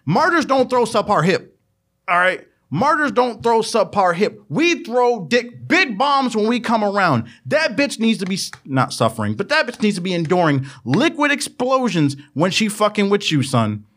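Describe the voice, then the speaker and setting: A man in casual comedic podcast chat, riffing crudely and acting out quick voices. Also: high voice, very animated, fairly bright tone.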